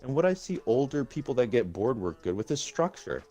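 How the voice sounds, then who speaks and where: A man's voice: mid-range voice, very animated, brisk, dark tone. A man leading a gaming group in casual voice-chat talk, rambling and swearing, restarting his words often. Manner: rambling and profane, with many restarts. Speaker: gaming community leader.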